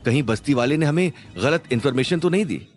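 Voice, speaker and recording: A man's voice: a little high, animated, fast talker, a little hiss or hum, voice pushed up, close to an everyday voice. A man doing an impulsive, loyal young man. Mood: agitated. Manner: agitated, eager to rush in. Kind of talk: audio drama acting.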